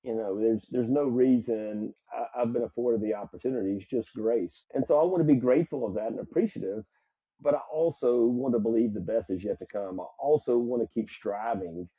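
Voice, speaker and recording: A man's voice: mid-range voice, a little fast, warm tone, husky, no room sound, muffled recording. A middle-aged man from South Carolina with a Southern accent, a psychologist speaking earnestly and reflectively as a podcast guest. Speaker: psychologist and performance coach guest. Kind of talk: podcast interview.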